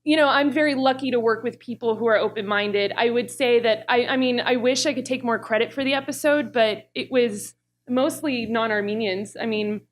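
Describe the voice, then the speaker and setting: Woman panelist, fairly high voice, chatty with lots of laughs. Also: normal speed, slight background noise. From Los Angeles area, US. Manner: chatty, laughs often, many fillers. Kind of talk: panel discussion.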